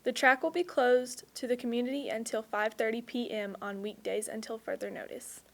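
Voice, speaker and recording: A woman's voice: a little high, fairly even intonation, moderate pace, gravelly. A teenage girl anchoring a student news show, upbeat and playful. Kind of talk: scripted school news reading.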